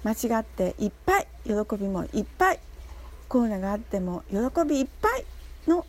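A woman from Nagasaki telling a personal story in a prepared talk, earnest and halting, often pausing with fillers as she searches for words. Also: fairly high pitch, very animated. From Nagasaki, Japan. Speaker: speaker sharing a personal story.

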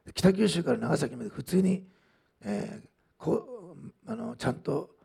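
A man's voice: on the high side, very animated, unhurried, creaky, warm tone, slightly rough. A man preaching a sermon in a conversational way, with frequent asides and fillers as he tells a testimony. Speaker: pastor.

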